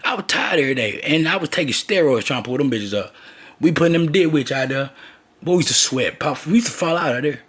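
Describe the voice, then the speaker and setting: A man's voice: a little high, expressive, fast talker, a bit bright, breathy edge. A man telling long, rambling personal stories in a loose, profane, digressive way, often acting out the voices of the people in them. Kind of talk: rambling personal storytelling monologue.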